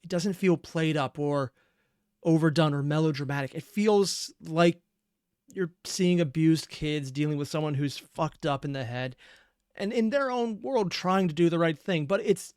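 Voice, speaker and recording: His pitch is fairly high, his tone darkish and clean, and the studio recording is clean with no echo. He hosts a reaction video, giving reflective commentary on a fan dub that is earnest, analytical and deliberately emphasized.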